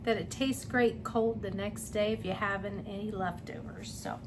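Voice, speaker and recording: A woman's voice: medium pitch, fairly even intonation, moderate pace. A woman chatting casually to her viewers while cooking in a home kitchen. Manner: chatty, friendly, addresses viewers as guys. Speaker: cooking vlogger. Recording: noisy home recording.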